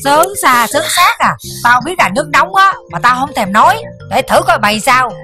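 Brief: sharp, sarcastic Southern Vietnamese mother, middle-aged, brisk and bright, faint music behind. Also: high-pitched, very animated, exaggerated voice. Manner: scolding, sarcastic. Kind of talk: TV drama acting.

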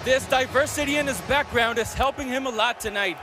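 A man reports live from a sports field sideline, raising his voice to carry. His voice is very high for a man, and loud music plays under the broadcast. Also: a little fast, a crowd in the background. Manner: shouting over the field noise.

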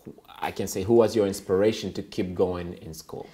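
A young man from Haiti hosting a studio TV interview, speaking hesitantly with frequent pauses and restarts on a lapel mic. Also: low-pitched, steady tone, warm tone. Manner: hesitant, many fillers and restarts. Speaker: TV host. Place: indoor TV studio set.

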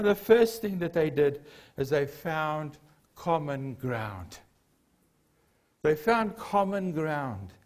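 An older man with a high-pitched, slightly mellow voice preaches a sermon as a pastor in a church hall containing a lectern and a cross. He is South African, speaks Afrikaans natively, has a South African accent, and leans on earnest emphasis and repeated key phrases.

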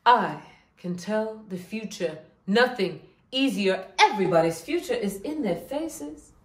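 A woman's voice: medium pitch, animated, a little slow, roomy sound, distant mic, lightly acted. A woman playing a theatrical doom-saying fortune teller. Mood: ominous. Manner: dramatic swings from hushed to shouted. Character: ominous woman fortune teller, dramatic and prophetic. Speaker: student actor performing a monologue. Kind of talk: theatrical stage monologue.

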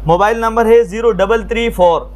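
A man with a Pakistani accent giving an eager, repetitive sales pitch to camera as a mobile phone shop seller. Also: moderate pace. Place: small open-fronted mobile phone shop stall.

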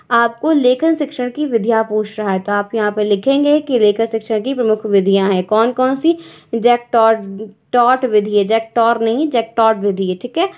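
Woman teacher, fairly high voice. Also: darkish tone. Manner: explains step by step, checks in with the viewer often. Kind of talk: exam-prep grammar lesson.

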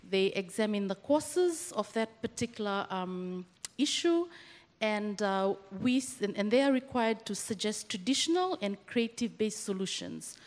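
A university lecturer from Fiji speaks earnestly from the floor at a workshop, holding a mic in the audience and restarting her sentences often. Her voice is mid-range and a little mellow, and the large semi-open hall adds a long reverb.

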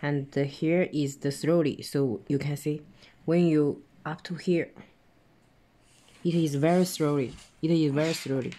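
Halting, mellow-voiced man demoing a gadget. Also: fairly high pitch, fairly even intonation. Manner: halting, simple phrasing, step-by-step pointing out. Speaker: product demonstrator. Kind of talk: hands-on tutorial demonstration.

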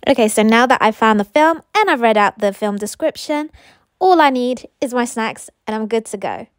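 A woman's voice: on the high side, animated, normal speed, no echo, clean studio sound. A young adult woman giving an explanatory talk as a presenter, recorded indoors in a living room. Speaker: presenter demonstrating phone accessibility.

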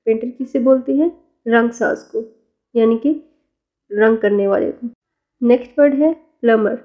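A woman's voice: on the high side, fairly even intonation, a little slow, phone-quality sound. A woman teacher giving a vocabulary lesson, drilling students with patient questions and answers.

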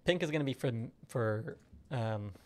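A man's voice: medium pitch, animated, normal speed, slight background noise. Man chatting through a game. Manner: chatty, thinks aloud while playing. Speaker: streamer. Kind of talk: casual gaming commentary.

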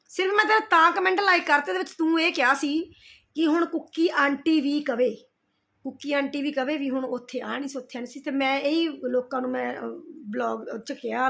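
Her voice sits high, a bit bright, with vocal fry running through it. The middle-aged vlogger is responding to those who roasted her, in a heated, scolding, confrontational rant aimed right at the camera where she keeps repeating herself.

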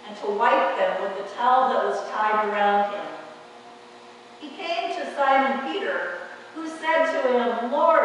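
A woman pastor reading scripture in a worship service, slow and measured, filmed from the back of a church sanctuary. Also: on the high side, a bit bright, a little hiss or hum. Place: church sanctuary, large, indoors. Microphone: far camera at the back of the church. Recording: echoey church hall from far off.

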